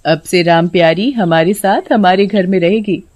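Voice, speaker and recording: A woman's voice: fairly low pitch, moderate pace, darkish tone, close to an everyday voice. A woman voicing a caring elder sister. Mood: determined. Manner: soothing, earnest.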